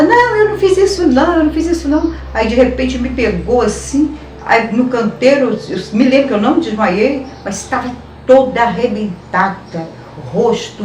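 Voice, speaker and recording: Brief: Brazilian woman, documentary interviewee, intense recollection, recorded far off in a reverberant room with music. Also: medium pitch. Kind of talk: personal testimony. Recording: echoey room, distant mic, faint music.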